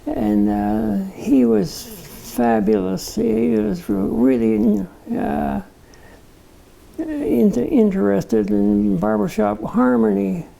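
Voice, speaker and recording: Older male interview guest, gravel in the voice, dark warm tone, unhurried storyteller. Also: sits high, poor audio. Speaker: interview guest, retired barbershop tenor. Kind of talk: casual reminiscing interview.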